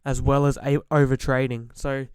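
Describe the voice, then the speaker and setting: A forex trader with a mid-range, level voice speaks straight to camera at a normal speed, giving a motivational talk on trading psychology. He is blunt and emphatic, repeating key points, and sounds slightly hoarse from a cold, clearing his throat often though his underlying tone stays smooth. The audio is close and dry with no echo.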